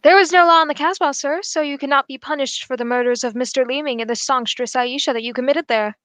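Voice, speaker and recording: In the role of a clever gentleman detective from old radio drama, a woman speaks with confident, accusing poise. The high voice is close-miked and dry, with no room sound, and she states each point formally in measured phrases.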